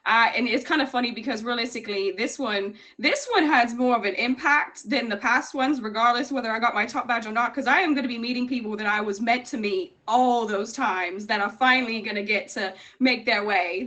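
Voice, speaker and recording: Bright-voiced, emphatic woman from Miami. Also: a little high, brisk, few pauses. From Miami, United States. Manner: effusive, emphatic, repeats herself for emphasis. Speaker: guest, award recipient. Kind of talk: casual interview answers.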